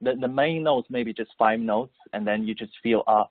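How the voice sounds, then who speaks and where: This is a male composer and musician from Beijing, a native Mandarin speaker, giving phone interview answers in accented English. He falters and repeats himself while looking for the right words. The medium-pitched voice comes through a tinny, dry line without echo.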